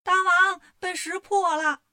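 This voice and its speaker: A woman voicing a timid little male demon minion who calls out in a high, anxious voice in a storybook tale. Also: animated, normal speed, fairly bright tone. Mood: panicked.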